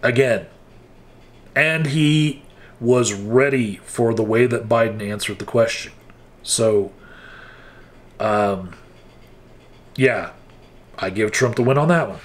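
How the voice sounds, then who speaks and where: A political commentator speaks at an ordinary mid pitch, offering casual, frank remarks in a wry tone. He thinks aloud, often pausing, hesitating and restarting sentences partway through.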